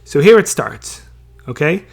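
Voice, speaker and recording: A man teaching a Bible passage in a casual way. He reads each verse slowly, translates it, and checks in with listeners as he goes. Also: fairly high pitch, sing-song, vocal fry. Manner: chatty, many fillers and checking questions.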